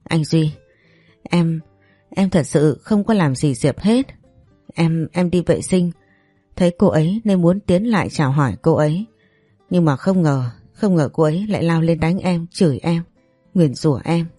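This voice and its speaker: A woman's voice: normal speed, warm tone, no echo, faint music behind. A woman voicing a sly, spiteful rival woman. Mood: whimpering. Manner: sly and taunting, then shrill and whining.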